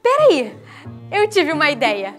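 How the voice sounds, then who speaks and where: A woman's voice: high-pitched, huge pitch swings, unhurried, exaggerated voice. A young woman playing an earnest, exclamatory adventurer girl in a children's show. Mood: excited, earnest. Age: young adult. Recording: music behind the voice.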